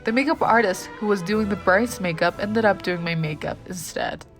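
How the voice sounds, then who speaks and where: A woman's voice: mid-range voice, moderate pace, soft background music. A young woman vlogger chatting casually and reading stories aloud, giggling often and dropping in asides full of "like". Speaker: beauty vlogger.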